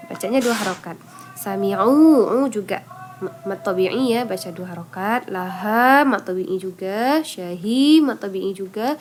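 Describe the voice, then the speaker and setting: A woman teaching Quran recitation rules in an online lesson. She explains patiently, step by step, poses questions and answers them herself, and draws out example syllables slowly. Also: medium pitch, slight background noise.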